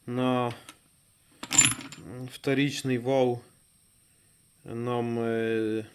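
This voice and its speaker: A man's voice: medium pitch, level tone, extremely slow, darkish tone, clear, resonant tone. A man talks his way through a repair in his workshop in a loose, unscripted way. He trails off mid-thought and picks the sentence up again, and keeps calling his viewers friends. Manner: thinks aloud while working, trailing off and restarting. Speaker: DIY mechanic vlogger. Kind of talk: casual hands-on repair commentary.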